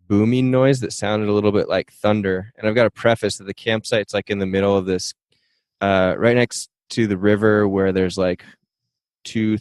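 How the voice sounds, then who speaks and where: A man's voice: fairly low pitch, darkish tone, no echo. A man hosting a podcast in casual chat, telling stories in an easygoing, slangy way. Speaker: podcast host.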